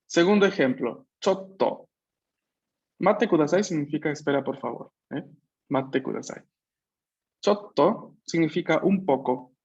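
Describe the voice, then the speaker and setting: A man's voice: on the high side, measured pace, a little mellow, husky. A man teaching an online language class, explaining patiently, repeating key points and checking that students follow. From Peru. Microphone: video call. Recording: slightly muffled video-call audio.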